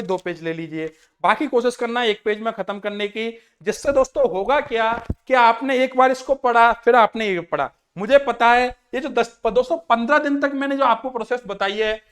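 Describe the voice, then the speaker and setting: Young male coaching teacher, very high voice, chatty lecture style, keeps addressing the students as friends. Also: fairly bright tone. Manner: chatty, repeatedly addressing listeners as friends and brothers. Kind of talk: lecture to exam aspirants.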